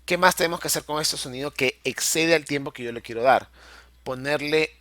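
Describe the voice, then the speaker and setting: A man's voice: fairly high pitch, brisk, bright, forceful tone, dry recording. Patient man teaching step by step. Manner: patient step-by-step explaining, checks in often with the class. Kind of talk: screen-recorded software tutorial.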